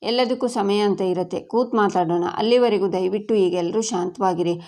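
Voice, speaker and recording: A woman doing a middle-aged aunt from a TV serial, earnestly begging everyone to calm down. The voice is middle-pitched and pleading. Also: moderate pace, natural voice. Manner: earnest, calming appeals.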